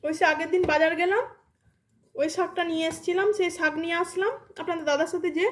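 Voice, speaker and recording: A woman's voice: very high voice, steady tone, fast talker. A woman chatting casually to her viewers while she eats lunch, talking with her mouth full. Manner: chatty, addressing viewers directly. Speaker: vlogger.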